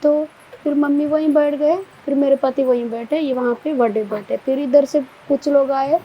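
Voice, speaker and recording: A young widow quietly recounting a killing she witnessed, speaking softly and haltingly and repeating herself. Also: high-pitched, fairly even intonation, muffled recording, a little hiss or hum. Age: young adult. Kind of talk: tearful eyewitness account.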